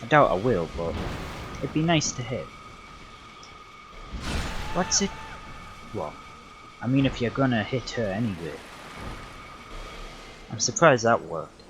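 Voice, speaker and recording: A young man talks his way through a livestreamed game in a loose, unhurried way. He rambles and backtracks with plenty of fillers. His voice sits at an ordinary middle pitch. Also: noisy background. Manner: relaxed, rambling, self-correcting with many fillers. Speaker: livestreaming gamer. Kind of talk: casual gameplay commentary.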